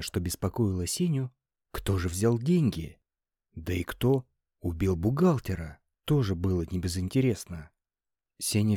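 A male narrator reading an audiobook with animated, rising and falling intonation. His voice sits at a middle pitch and sounds close and dry, with no room around it. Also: dry recording. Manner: expressive storytelling with lively intonation.

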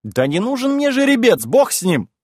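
A man voicing a polite, scheming middle-aged gentleman who talks evasively and with wounded dignity in an audiobook reading. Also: extremely high pitch, huge pitch swings, normal speed, no echo, studio quality, pitched above the performer's own voice, heavily acted. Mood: wheedling.

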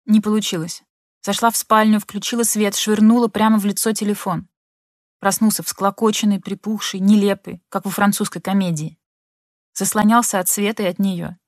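A woman narrating a literary audiobook in an expressive, measured manner. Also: mid-range voice, dry recording, clean studio sound.

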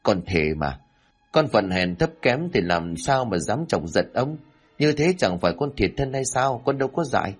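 A man's voice: lowish voice, big pitch swings, moderate pace, breathy edge, faint music behind. A man voicing a fawning young male servant in an audiobook story, humble and wheedling. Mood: pleading.

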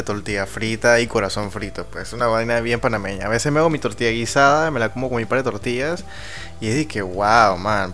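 A man's voice: on the low side, fairly bright tone. A man from El Salvador hosting a live-streamed music show, talkative and making joking asides to the listeners. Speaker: radio show host. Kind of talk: live-streamed radio interview talk.

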